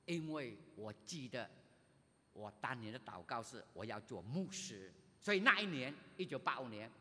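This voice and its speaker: An older male pastor from Malaysia, telling his own story in a sermon, animated, with sudden loud rises. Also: medium pitch. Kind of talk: sermon, personal testimony. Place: church sanctuary. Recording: reverberant church hall.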